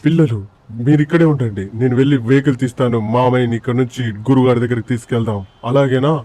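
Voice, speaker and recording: A man's voice: mid-range voice, fast talker, warm tone. A man voicing a grown-up in a game story, talking earnestly to the kids. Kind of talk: fan-dubbed game story.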